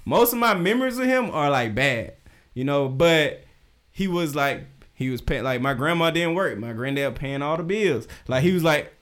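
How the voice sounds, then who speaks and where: A man co-hosting a casual podcast chat, telling stories in a relaxed, profane way. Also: on the high side, moderate pace. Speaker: podcast co-host.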